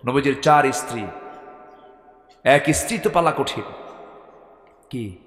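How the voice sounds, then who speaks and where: A man preaching a Bengali waz sermon with a Bangladeshi accent. He swings from soft talk to shouting and fires rhetorical questions at the crowd. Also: mid-range voice, expressive, takes it slowly, echoey room, in a large hall, soft background music. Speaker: Islamic preacher.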